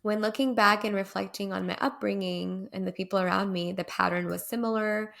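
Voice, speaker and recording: A woman's voice: mid-range voice, steady tone, brisk, gravelly, a bit bright. A young woman co-hosting a podcast, talking candidly and reflectively, dotted with "like" and "right?" fillers. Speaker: podcast co-host.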